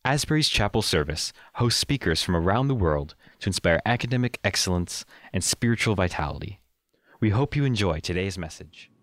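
Man, very low voice, dry close mic, formal measured podcast announcer. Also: animated, fairly bright tone, dry recording. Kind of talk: scripted podcast intro.

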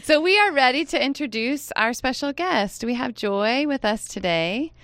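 A chatty, lively woman hosts a campus radio hour from the studio. Her voice comes through smooth and crisp. The room sounds dry, with no echo. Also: high voice, moderate pace. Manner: lively and chatty, laughs often. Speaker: radio show host. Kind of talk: casual campus radio chat.

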